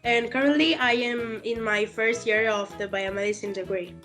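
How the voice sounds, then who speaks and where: Young woman, bright high voice. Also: fairly even intonation, moderate pace, soft background music. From Spain. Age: young adult. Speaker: young patient advisor. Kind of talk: recorded video introduction.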